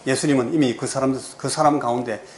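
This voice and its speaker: A man's voice: medium pitch, steady tone, fairly quick, slight background noise. A man preaching as a pastor, retelling a passage as a story and explaining it to the congregation. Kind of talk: expository sermon.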